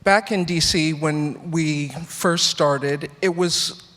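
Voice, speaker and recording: A woman's voice: deep voice, slow pace, a bit bright. A woman, a tech entrepreneur on a panel, introducing herself on a theatre stage in an earnest, reflective way. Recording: theatre hall reverb.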